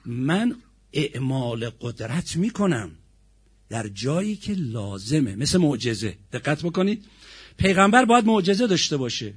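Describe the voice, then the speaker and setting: A man preaching a sermon, posing rhetorical questions and swinging between soft and emphatic delivery. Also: fairly high pitch, husky.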